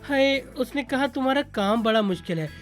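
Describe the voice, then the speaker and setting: A woman's voice: high-pitched, animated, normal speed, faint music behind. A woman dubbing a fussy, melodramatic young man who wails and sobs, in a Hindi-dubbed TV drama. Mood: fretful. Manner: theatrical wailing and sobbing.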